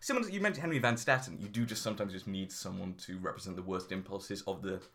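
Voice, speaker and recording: A low-sitting, fast voice belongs to a man from Greater Manchester co-hosting a podcast. He chats casually, with lively enthusiasm.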